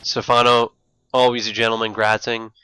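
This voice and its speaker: Guy with a slushy lisp casting a video game match, bright forward voice, some noise behind him. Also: mid-range voice, flat delivery, moderate pace. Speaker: esports shoutcaster. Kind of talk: live StarCraft match commentary.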